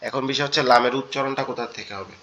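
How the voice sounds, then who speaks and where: A man teaching an online Quran class, explaining each letter patiently and repeating points slowly. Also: mid-range voice, fairly even intonation, bright, forceful tone. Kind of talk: online lesson on Arabic letters.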